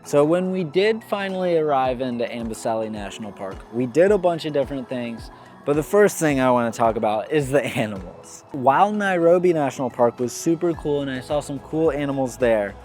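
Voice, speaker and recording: Guy telling his safari trip excitedly, laughs a bit, soft music under. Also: mid-range voice, fairly quick. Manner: enthusiastic, laughs while talking. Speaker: travel vlogger. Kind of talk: casual travel narration. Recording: faint music behind.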